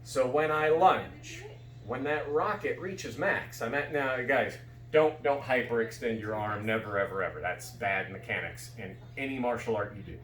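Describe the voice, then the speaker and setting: A man's voice: medium pitch, moderate pace, fairly bright tone. A man giving casual, explanatory fencing instruction, often checking that his students follow. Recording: echoey room with background noise.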